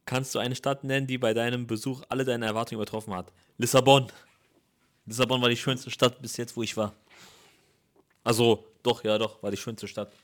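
A young man co-hosting a casual podcast, talking in a dry, teasing, deadpan way. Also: medium pitch, fairly quick. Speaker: podcast co-host, comedian. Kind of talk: casual chat.

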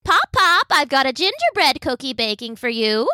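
A fussy old woman baker in her seventies, played by a woman narrator, calling out in a high, shrill, bright voice. It's a storybook granny, loud and urgent. Dry, close sound. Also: very animated, moderate pace, no echo, heavily acted. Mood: calling, alarmed.

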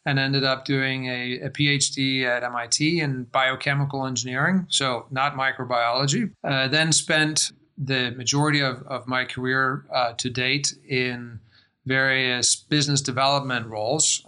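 A middle-aged man from Denmark with an American-influenced Danish accent, giving measured, thoughtful interview answers as a guest. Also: medium pitch, steady tone, bright, forceful tone, clean tone. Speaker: guest, life-science investor.

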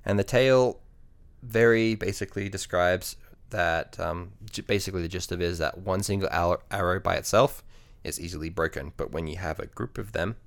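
A man's voice: sits low, fairly quick, creaky. A man co-hosting a podcast, casually telling a history story with frequent ums and restarts. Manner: relaxed, hesitant, many ums and restarts.

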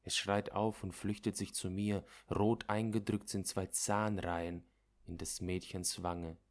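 A man with a very low voice reads a literary story aloud as its narrator. His pacing is measured and dramatic, and he lets the first-person tension build line by line. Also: little pitch movement. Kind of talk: literary audiobook reading.

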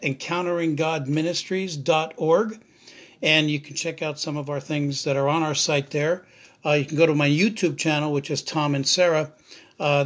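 A man's voice: fairly high pitch, a bit bright. A middle-aged man hosting a devotional podcast, telling a story in a rambling way with many fillers and restarts and a dry, sarcastic humor. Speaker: podcast host, ministry teacher. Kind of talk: informal devotional podcast talk.

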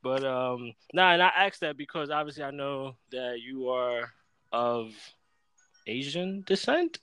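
A man's voice: medium pitch, unhurried, fairly bright tone, clear, resonant tone, no echo, soft background music. Profane, laid-back young man hosting a podcast. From Florida. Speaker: podcast host. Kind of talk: casual podcast chat.

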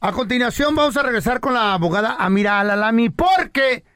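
Radio co-host, man, very high-pitched, playful and teasing. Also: lively intonation, a little fast, over a noisy crowd. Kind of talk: joking radio banter.

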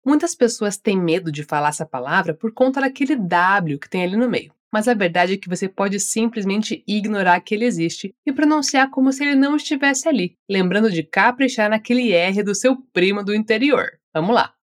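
A woman with a Brazilian accent teaching English, giving slow, carefully articulated model phrases for learners to repeat. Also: medium pitch, expressive. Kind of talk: scripted language lesson.

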